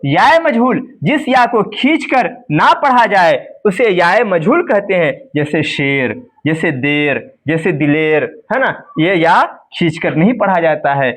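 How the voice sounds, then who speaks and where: Male tutor, Bihari Hindi accent, high and animated, drawn-out example words. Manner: asks questions then answers them himself; stretches out example words slowly. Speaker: teacher. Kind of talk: classroom grammar lesson.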